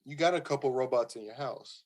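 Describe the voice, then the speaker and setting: A man's voice: medium pitch, brisk, darkish tone. A man hosting a podcast, chatting casually with friends in a laid-back, profane way. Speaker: podcast host. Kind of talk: casual chat.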